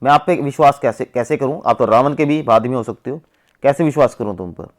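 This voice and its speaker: Indian man explaining a textbook lesson. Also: mid-range voice. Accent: Indian English. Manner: reads English lines slowly, then explains them in Hindi. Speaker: teacher. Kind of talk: explaining an English textbook chapter in Hindi.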